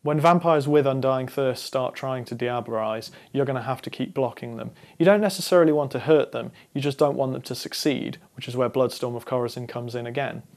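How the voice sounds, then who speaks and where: Young guy reading a scripted card game explainer to camera, steady and measured, mid pitch. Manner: measured, instructive delivery to camera. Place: studio against a dark backdrop.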